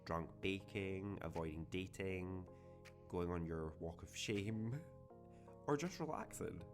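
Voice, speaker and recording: A man's voice: low-pitched, takes it slowly. A man voicing a sultry male ad announcer in an exaggerated sexy voice. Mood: seductive. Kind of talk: mock advert read. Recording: music bed underneath.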